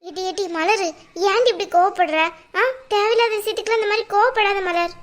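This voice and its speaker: A woman's voice: extremely high pitch, fairly quick. A woman voicing a worried mother in a cartoon, pleading and soothing her angry daughter. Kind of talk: cartoon voice acting.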